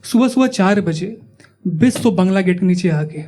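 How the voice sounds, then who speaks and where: A man's voice: high-pitched, expressive, normal speed, dark tone. A young man from Uttar Pradesh doing stand-up, telling stories in a chatty way, teasing the audience and acting out the people in them. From Uttar Pradesh, India. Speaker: stand-up comedian. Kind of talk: stand-up comedy storytelling. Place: comedy club stage before a live audience. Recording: live show with audience laughter.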